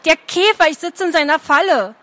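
A woman's voice: high voice, expressive, moderate pace, fairly bright tone, voice pushed up. A woman reading a storybook aloud, voicing an impatient, bossy young female archer who snaps at everyone. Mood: impatient, snapping. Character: sharp-tongued bossy young female archer of a magical folk.

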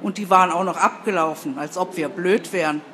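A woman's voice: lowish voice, a little fast, a bit bright, slight background noise, lightly acted. A woman voicing a proud, cheeky rural man who has lost his home in a flood and complains and boasts. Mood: indignant.

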